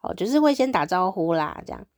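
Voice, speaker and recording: A fast-talking woman with a lowish, sing-song voice and a Taiwanese Mandarin accent hosts a podcast, telling everyday stories in an informal monologue. She's chatty and upbeat and amused with little effort. The sound is clean studio audio with no room noise.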